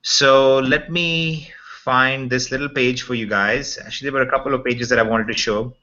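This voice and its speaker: Bright-voiced man presenting on a video call. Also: mid-range voice, fairly even intonation, normal speed. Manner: on a video call, explaining to viewers step by step; checks in often with "okay". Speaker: presenter of a members' update webinar. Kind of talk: informal screen-share walkthrough. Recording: muffled, lo-fi video call audio.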